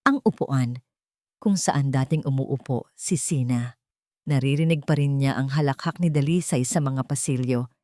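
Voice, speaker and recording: Reading a dramatic story from a script, a Filipino-accented woman narrator speaks in a mellow voice that sits low for a woman. She keeps a moderate pace, and the recording is dry and close with no room sound.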